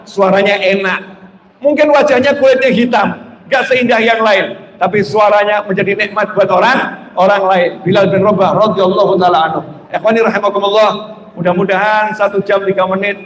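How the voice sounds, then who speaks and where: A male preacher with a fairly high voice gives a lively, humorous sermon and acts out everyday chatter with sudden loud outbursts. His voice rings through a large hall with a long echo and faint background noise. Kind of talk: sermon in a live stream.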